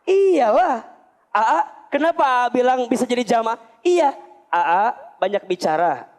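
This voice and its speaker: Animated Sundanese-accented male preacher. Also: very high-pitched, measured pace. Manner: emotive, acts out prayers, mixes in regional words. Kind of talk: sermon to a women's study group.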